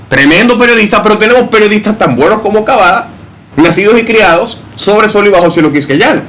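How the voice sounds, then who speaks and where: A man's voice: high-pitched, a bit bright. A man giving opinionated, emphatic political commentary in a casual discussion. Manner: opinionated, emphatic, with rhetorical questions.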